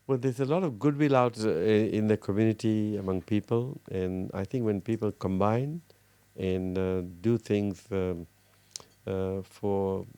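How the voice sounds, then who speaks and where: A middle-aged man from Fiji, a cardiologist, talking earnestly in an interview with many pauses and restarts. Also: on the low side, mellow, no room sound. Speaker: cardiologist guest. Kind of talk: casual interview talk.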